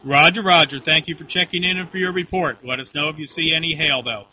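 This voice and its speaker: A man's voice: a little high, fast talker. A man acting as net control operator on an amateur radio storm net, speaking in formal, procedural radio phrasing. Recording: dull lo-fi radio audio, faint hum.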